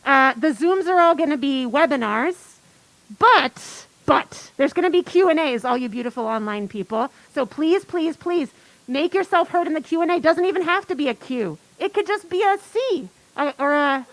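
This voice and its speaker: Bubbly, high-voiced rambling woman organizer. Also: a bit bright, no room sound, low-quality recording. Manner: bubbly, rambling, self-deprecating. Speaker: event organizer. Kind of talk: conference announcements.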